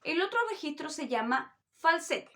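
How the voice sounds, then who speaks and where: Lively high-voiced woman voice coach. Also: normal speed. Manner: demonstrative, with sung vowel and animal-sound examples. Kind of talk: vocal technique lesson.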